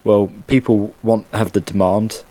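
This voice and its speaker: A man in casual chat, talking in an animated, exasperated rant with plenty of asides. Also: fairly low pitch, unhurried.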